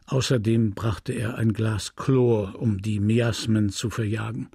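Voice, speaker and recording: A man reading a classic novel aloud in a measured, grave narration. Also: fairly low pitch, flat delivery, gravelly, dark tone, breathy edge, dry recording, clean studio sound. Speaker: audiobook reader. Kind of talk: scripted literary narration.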